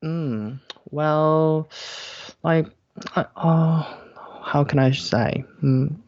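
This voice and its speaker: A man's voice: on the high side, extremely slow, no echo. Young Korean-accented man, slightly muffled audio. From South Korea. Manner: hesitant, repeats phrases, frequent "like" and "you know". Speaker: interview guest, YouTuber. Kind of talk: casual interview answers.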